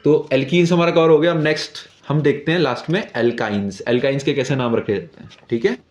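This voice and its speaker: A man's voice: mid-range voice, fast talker. Young male chemistry teacher, echoey room. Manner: asks questions and answers them himself, repeats "ठीक है". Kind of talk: classroom lesson explanation.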